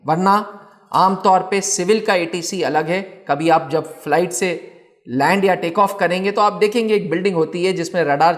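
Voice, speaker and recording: Here a man who presents a defence exam channel addresses students in an educational explainer, his voice sitting high. He leans on emphatic, deliberate delivery and repeats words for emphasis.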